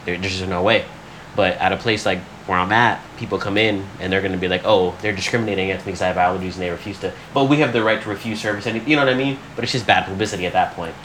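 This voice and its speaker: Low-voiced easygoing man in casual chat. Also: fairly bright tone, slight background noise, low-quality recording. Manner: easygoing, drawling, quick to agree with "yep" and "mm-hmm". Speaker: podcast co-host.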